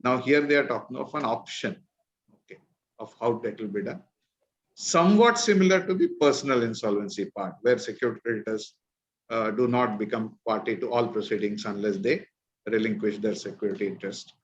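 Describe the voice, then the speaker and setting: A man's voice: fairly low pitch, a little fast. North Indian man explaining over a dull call. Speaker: discussion leader, presenter. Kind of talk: informal expert explanation in online discussion. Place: virtual meeting call.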